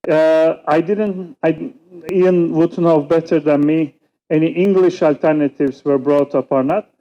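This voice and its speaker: A Turkish man, speaking with the accent of his native language, gives a measured and reflective conference talk as a panelist, pausing often. His voice runs on the high side with fairly even intonation and a dark tone, and the recording has its highs cut off.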